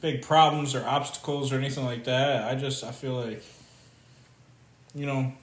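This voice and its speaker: A man's voice: medium pitch, steady tone, normal speed, roomy sound. A young man co-hosting a casual podcast, teasing and laughing with friends. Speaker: podcast co-host. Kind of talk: casual chat.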